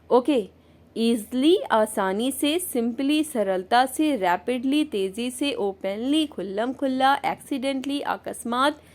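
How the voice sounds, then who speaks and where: A woman's voice: high voice, a little mellow. A woman teaching English vocabulary in Hindi with an Indian accent, patiently repeating each word and its meaning. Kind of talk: slow vocabulary lesson with repetition.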